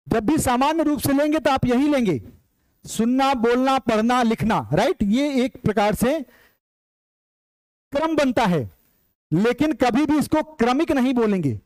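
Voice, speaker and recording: A man's voice: very high-pitched, animated, unhurried, darkish tone, no echo, rough recording. A man teaching an exam-prep lecture, emphatic and repetitive, calling his viewers brothers as he drills key points. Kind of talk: online lecture.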